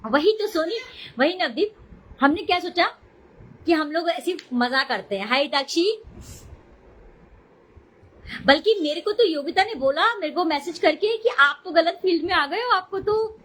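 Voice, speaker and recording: A woman's voice: extremely high pitch, animated, normal speed, long pauses, a bit bright, poor audio. A middle-aged woman chatting casually on a live stream, talking defensively and greeting viewers mid-talk.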